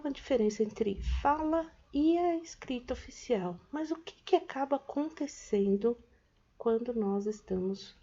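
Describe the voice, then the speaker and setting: A woman's voice: fairly high pitch, dark tone. A woman teacher with a Brazilian Portuguese accent, patiently explaining a lesson to middle schoolers and checking in with the class as she goes. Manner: patient explaining, checks in with "né?", stretches words for emphasis. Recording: dull lo-fi recording.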